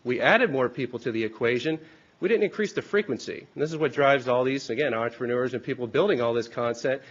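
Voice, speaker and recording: A man speaks at mid pitch with a hoarse voice, congested from a sinus infection. He presents to a conference in an informal, explanatory way, using rhetorical questions. The recording is a little dull and muffled. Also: fast. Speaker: research company president presenting at a hearing. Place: hearing room with an audience.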